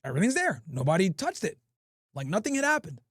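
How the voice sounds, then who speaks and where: Fast-talking with a breathy edge and a high-sitting voice, a male livestream host who speaks English natively tells brash, heavily profane stories. The sound is studio quality, with no echo.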